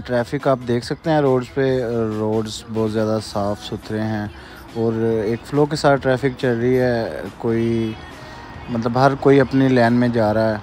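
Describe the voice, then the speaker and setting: A man from Pakistan, casually narrating a road trip from inside a car in a relaxed, polite way. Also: medium pitch, unhurried, soft background music. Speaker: travel vlogger. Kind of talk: casual travel vlog narration. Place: in a car on a highway.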